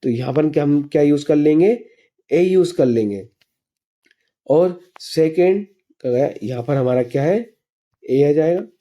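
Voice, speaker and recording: A man, teaching an English grammar lesson slowly and patiently, asking himself questions and answering them. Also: a little high, animated, dull audio. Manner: asks and answers his own questions while teaching; slow, patient explanations. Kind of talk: classroom lesson explaining grammar.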